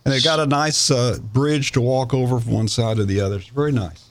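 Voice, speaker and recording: Gravelly man chatting. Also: medium pitch, fairly even intonation, fairly quick, no echo. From East Tennessee. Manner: rambling, storytelling with many uh fillers. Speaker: co-host. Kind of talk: casual chat.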